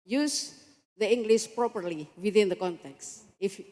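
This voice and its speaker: A woman's voice: mid-range voice, unhurried, a little mellow. Careful woman in a reverberant hall. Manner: deferential, careful in choosing words. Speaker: audience member commenting. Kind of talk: polite academic comment. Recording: echoey hall with long reverb.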